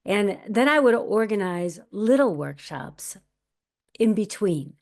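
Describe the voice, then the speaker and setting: A woman in her fifties, an actress appearing as a guest, speaks in a mid-range voice that is very animated yet slow. In a candid, reflective interview she tells her story, quoting thoughts she once had.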